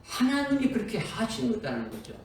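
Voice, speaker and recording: A man preaching a sermon in a church sanctuary, his voice high and swinging widely up and down. He keeps quizzing the congregation and checking they follow. He is heard from a distance, with heavy echo from the hall. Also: wildly swooping pitch, fairly quick, a little hiss or hum. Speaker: pastor. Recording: echoey, from far off in a church hall.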